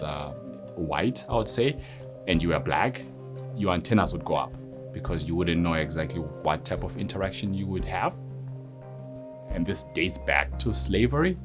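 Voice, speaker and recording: Zimbabwe-born middle-aged male officer, very low voice, thoughtful testimony over faint music. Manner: reflective, measured, with frequent fillers. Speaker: police constable. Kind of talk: personal testimony interview. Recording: soft music underneath.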